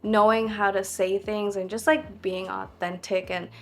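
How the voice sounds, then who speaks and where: A young woman vlogs to camera in a casual, reflective way. She sounds earnest and leans heavily on "like" as a filler, speaking in a mid-range voice with flat, unhurried delivery.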